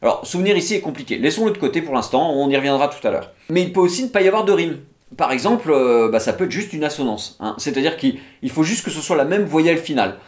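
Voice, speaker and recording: A man's voice: on the high side, fast. A man with a French accent giving a casual, chatty talk about poetry, full of little fillers. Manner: chatty, lively, many "bah" and "hein" fillers. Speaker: literature video host.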